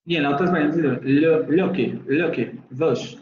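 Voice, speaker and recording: A man's voice: fairly high pitch, normal speed, noisy background. Man, Mexican Spanish accent, phonetics teacher, explanatory, repeats sample words, echoey room, muffled audio. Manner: explanatory, repeats example words to model pronunciation. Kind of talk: online class lecture. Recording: roomy, slightly dull audio with faint ambience.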